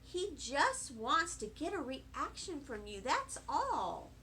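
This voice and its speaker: A woman voicing a patient, coaxing mother in a children's storybook, speaking gently. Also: sits high, very animated, slow, a little hiss or hum, heavily acted. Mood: reassuring. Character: soft-spoken, patient, coaxing mother of a little girl. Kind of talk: children's storybook read-aloud.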